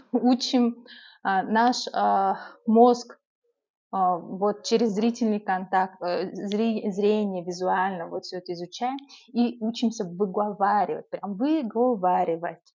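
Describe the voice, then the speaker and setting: A chatty young Yakut woman from Yakutia, Russia, vlogs casual language-learning tips in urban Yakut-accented Russian. She is lively and uses many filler sounds, speaking at medium pitch and a slow pace, though the recording is muffled.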